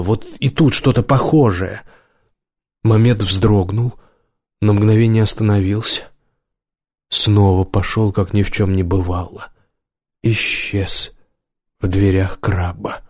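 A man narrating an audiobook in a measured storytelling manner on a close studio mic. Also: on the low side, darkish tone, no room sound. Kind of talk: scripted narration.

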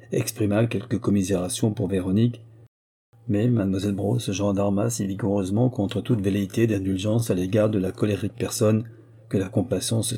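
A man reads a classic novel aloud in a measured, even pace. His voice is low and very dark, with a husky grain. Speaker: narrator. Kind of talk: audiobook narration.

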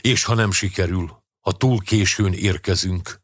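A man's voice: deep voice, fairly bright tone, no echo, clean studio sound. A man reading the lines of a tired, anxious man in a sinking boat, sounding weary and pleading. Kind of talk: audiobook dialogue reading.

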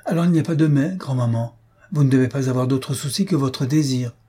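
A man reading an audiobook, voicing a proud young woman who speaks gently but firmly, close to his own voice. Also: medium pitch, fairly quick, husky, pitched above the performer's own voice, close to an everyday voice. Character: proud young woman, grieving, firm and dignified.

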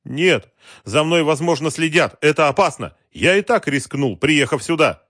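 A man's voice: a little high, expressive, moderate pace, fairly bright tone, no room sound, clean studio sound, pitched above the performer's own voice. A man voicing a nervous, defensive, scheming henchman. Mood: guarded. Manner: anxious, defensive.

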